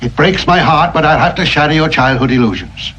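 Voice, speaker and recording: A gruff blunt grandfather. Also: a little high, fairly quick, pushed and bright, a little hiss or hum. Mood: mocking. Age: older. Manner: blunt, dry, mocking. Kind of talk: 1940s film acting. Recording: dull old film soundtrack.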